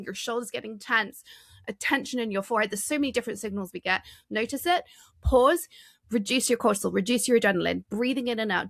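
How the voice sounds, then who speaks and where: Gravelly-voiced woman coaching with energy. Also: mid-range voice, dry recording, clean studio sound. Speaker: executive coach, podcast guest. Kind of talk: interview conversation, explaining a framework.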